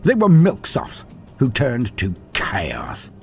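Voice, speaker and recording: Speaking slowly in a creaky, medium-pitched voice that swoops wildly, a man narrates fantasy lore from a script. The delivery is dramatic and grandiose, with background music under his voice.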